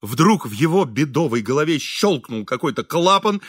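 A man narrating an audiobook in an expressive storytelling manner. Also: fairly high pitch, normal speed, slightly rough, no room sound, studio quality. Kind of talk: scripted narration.

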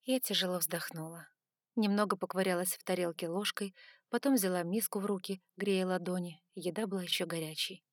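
A woman reading a first-person fantasy audiobook in an even, measured storytelling voice, close to the mic. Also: fairly low pitch, no echo. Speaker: audiobook narrator.

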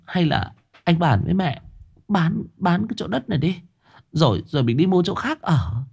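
A man voicing a frightened young village wife who stammers and pleads in a hushed, raised voice. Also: fairly high pitch, very animated, normal speed, creaky, breathy edge, voice pushed up, heavily acted. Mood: frightened stammering.

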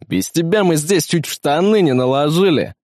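A man voicing a brash, crude male space marine in a storybook reading, gruff and barking. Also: fairly high pitch, expressive, normal speed, darkish tone, no echo, studio quality, pitched above the performer's own voice, lightly acted. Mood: rough. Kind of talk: audiobook character voice.

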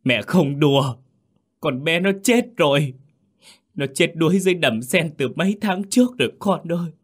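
A man's voice: low voice, moderate pace. A man voicing an older mother who is grieving and tearful, sobbing as she confesses in an audio story. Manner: sobbing, pleading.

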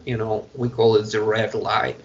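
A man from Russia with a Russian accent, speaking English in a halting way with many fillers and restarts as an interview guest. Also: on the low side, little pitch movement, highs cut off, a little hiss or hum. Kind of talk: conversational interview.

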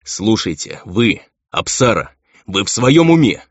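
A man's voice: lowish voice, big pitch swings, a little slow, no room sound, voice pushed up. A man voicing a stern, brooding half-demon male envoy who speaks insistently. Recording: dull lo-fi dry recording.

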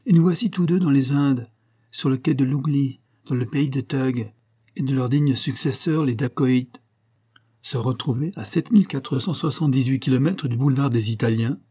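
A man's voice: medium pitch, normal speed, mellow, husky, close to an everyday voice. A man voicing an overjoyed young Frenchman. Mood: delighted. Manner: joyful, exclamatory. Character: excited young Frenchman, a reunited friend.

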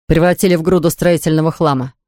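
A narrator voices a composed, businesslike male property developer, reading quickly in a voice close to an everyday one. The delivery is calm and lowered, and the studio recording is dry and close, with no room sound.

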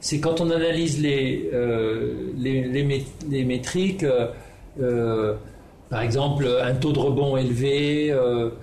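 A man presents his research in a halting way, full of fillers and restarts. His voice is mellow and warm. It sounds like an echoey room with faint background ambience. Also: mid-range voice, slight background noise. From Netherlands. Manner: hesitant, many fillers and restarts. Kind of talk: spoken presentation.

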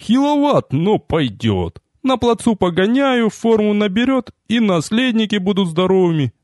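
A man voicing a stern, burly warrior princess who talks in a brusque, booming way. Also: sing-song, normal speed, darkish tone, dry recording, studio quality, lightly acted. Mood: appraising.

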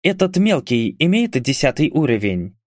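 A man's voice: fairly high pitch, very animated, a little slow, no room sound, clean studio sound, voice pushed up. A man doing a surly tall woman clerk. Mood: displeased. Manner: rude, dismissive.

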